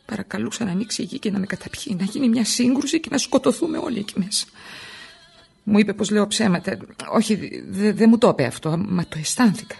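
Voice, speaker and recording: A woman's voice: medium pitch, gravelly, a little mellow, husky, heavily acted. An actress playing a frightened, exhausted immigrant wife of an injured worker, pouring out her fears in a radio drama. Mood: distressed. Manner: emotional, confessional monologue.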